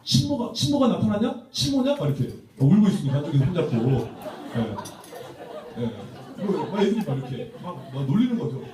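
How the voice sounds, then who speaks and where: A pastor tells stories with lively, rising and falling pitch and a slightly high voice, playful and humorous as he addresses church teachers. His tone is dark and mellow. The sound booms around a large church sanctuary, picked up from a distance. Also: a little fast, crowd noise. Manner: storytelling, playful, acts out quotes. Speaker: pastor giving a teacher seminar. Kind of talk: humorous church seminar talk. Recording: echoey church hall from far off.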